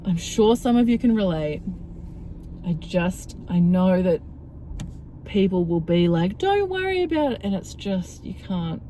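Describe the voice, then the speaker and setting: Young woman, tearful and crying, stressed, soft mellow tone, rambling casual vlog, faint car noise. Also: on the low side, takes it slowly, rough recording. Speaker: vlogger and mother. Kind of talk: casual confessional vlog rant. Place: inside a car. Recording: car interior with vehicle noise.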